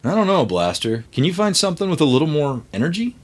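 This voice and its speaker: A man's voice: a little high, sing-song, quick pace, voice pushed up. A man voicing a worried young man in a comic script table read, speaking urgently. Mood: unimpressed.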